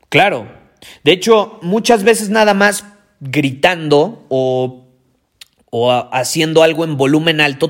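A man hosting a motivational podcast as a voice coach, emphatic, repeating key phrases and swinging his pitch and volume. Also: a bit bright. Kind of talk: energetic motivational podcast talk.

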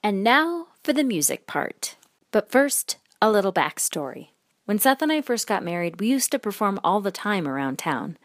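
A woman podcast host reading a personal story aloud in a measured, expressive storytelling way. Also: mid-range voice, dry recording.

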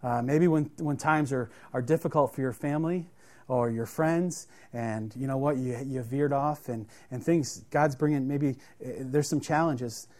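A man's voice: mid-range voice, darkish tone. Guy preaching a sermon, reads the verses then talks it through, lots of uh and restarts. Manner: plain-spoken, halting, many fillers and restarts; reads scripture aloud, then explains it conversationally.

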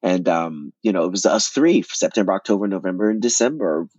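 A man, an actor and playwright, telling his story as an interview guest in an animated way, often repeating words and restarting. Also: sits low, brisk, breathy edge, dry recording, muffled recording.

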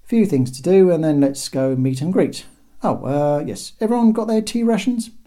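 A man voicing a calm, commanding woman leader who gives brisk orders in a storybook reading. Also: high voice, pitched above the performer's own voice. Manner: brisk, businesslike.

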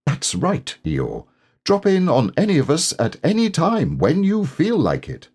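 A man voicing a busy, bossy male rabbit in a storybook, brisk and matter-of-fact. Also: on the high side, huge pitch swings, a little mellow, slightly rough, voice pushed up, exaggerated voice. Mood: encouraging.

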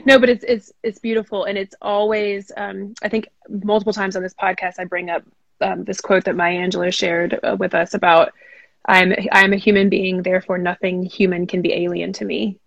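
Woman podcast host, fry in her voice, affirming interviewer, dull lo-fi recording. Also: medium pitch, level tone, normal speed, a bit bright, no echo. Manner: encouraging, affirming listener. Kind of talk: casual interview chat.

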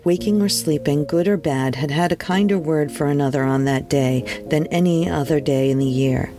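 A podcast host reading a classic holiday story aloud, measured and expressive with wry asides. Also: medium pitch. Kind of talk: storybook narration.

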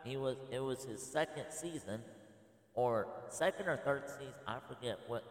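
A man in his thirties giving a casual, rambling spoken presentation with many filler pauses. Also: medium pitch. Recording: echoey room with long reverb.

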